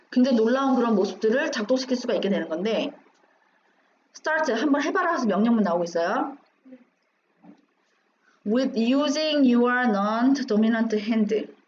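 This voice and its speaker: A woman teaching English, going through an exam passage line by line, asking questions and answering them herself. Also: a little high. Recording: dull roomy recording with faint hum.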